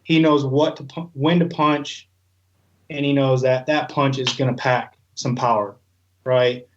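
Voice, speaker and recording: A man's voice: mid-range voice, steady tone, measured pace, highs cut off, slight background noise. A man talking casually as an interview guest, in a rambling, colloquial, conversational way. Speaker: guest, goose calling expert.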